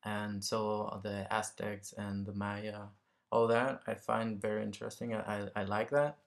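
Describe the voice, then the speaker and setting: Man, from Mexico, low pitch, creaky fry, casual reflective talk, tentative phrasing. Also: little pitch movement, measured pace. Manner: tentative, searching for words, often tags statements with "right?". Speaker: interview guest.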